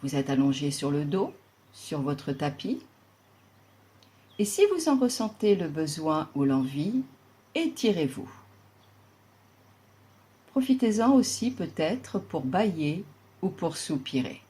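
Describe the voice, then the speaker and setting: With a low voice, a woman instructing yoga leads a guided relaxation, her delivery soothing, deliberate and marked by long pauses.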